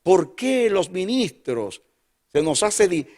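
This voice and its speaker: A man's voice: sits high, big pitch swings, slow. Older male pastor, emphatic sermon. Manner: emphatic preaching with repetitions and sudden drops to soft asides.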